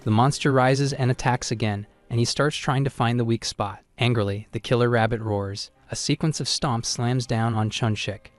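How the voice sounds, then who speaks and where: A man narrates a comic story recap in a steady, scripted voice-over. His pitch sits in a middle range and his delivery stays even. Faint background music runs beneath the narration.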